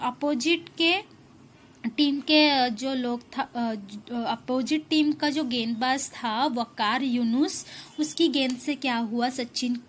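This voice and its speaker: A woman schoolteacher explaining a reading lesson to children, asking questions and answering them herself, with faint background hiss. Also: high voice. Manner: asks questions and answers them herself, repeats key lines. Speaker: school teacher.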